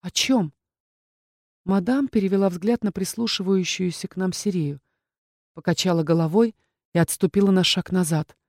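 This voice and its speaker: A woman narrating a fantasy audiobook in the first person, measured and even. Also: lowish voice, no echo, studio quality.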